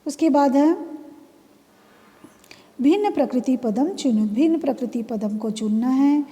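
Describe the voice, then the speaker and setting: A woman's voice: high-pitched, animated, a little slow, dark tone. A woman teaching a lesson, explaining exercise answers patiently and step by step, often repeating key words. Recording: long reverb, room echo.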